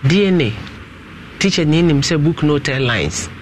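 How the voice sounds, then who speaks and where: A man with a Ghanaian accent, a pastor questioning family members in a dispute in an animated, coaxing manner. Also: on the high side, moderate pace, a little hiss or hum. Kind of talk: mediating a family dispute on a broadcast.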